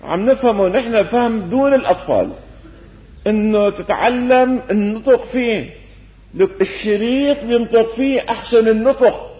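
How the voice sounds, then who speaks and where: Older syrian sheikh preaching, damascus accent, highish voice, roomy echo, muffled old tape. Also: male voice. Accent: Syrian Arabic, Damascene. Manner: lively, folksy, rhetorical questions, gentle humor. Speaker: sheikh giving Quran commentary. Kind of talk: colloquial sermon lesson. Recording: echoey hall, dull lo-fi old tape.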